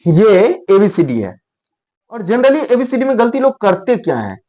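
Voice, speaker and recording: A man with an Indian accent teaching English pronunciation, sounding out letters slowly and correcting himself as he goes. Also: high voice, sing-song, warm tone. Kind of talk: classroom pronunciation lesson.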